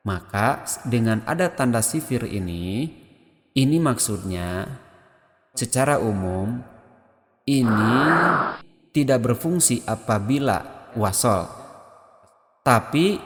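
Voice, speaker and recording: A man's voice: medium pitch, in a large hall. An Indonesian-accented man teaching Quran recitation rules, explaining step by step and chanting verses as examples. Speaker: tajwid teacher.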